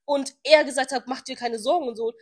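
A young woman co-hosting a podcast, telling a story in a lively, animated way, reading text messages aloud and swearing freely. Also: high voice, brisk. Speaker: podcast co-host. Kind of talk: casual chat.

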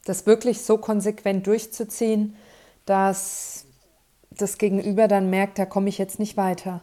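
A woman life coach giving a spoken self-help talk, calm and persuasive, adding "ja" tags and repeating set phrases. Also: medium pitch. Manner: calm, persuasive, with frequent "ja" tags and small restarts.

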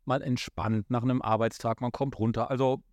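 A man's voice: mid-range voice, steady tone, a little fast, a little mellow, no echo, dull audio. A man in his fifties co-hosting a podcast, asking questions in a loose, joking way. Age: 50s. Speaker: podcast co-host. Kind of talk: casual podcast chat. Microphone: studio microphone.

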